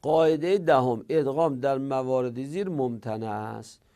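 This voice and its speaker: A man teaching a grammar lesson, patiently explaining rules and repeating examples slowly. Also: mid-range voice, warm tone. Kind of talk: classroom lecture.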